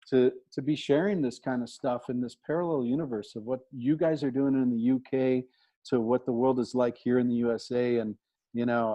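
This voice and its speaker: A man's voice: medium pitch, mellow, poor audio. An American man hosting a podcast interview over a video call, talking effusively with many restarts. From United States. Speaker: podcast host.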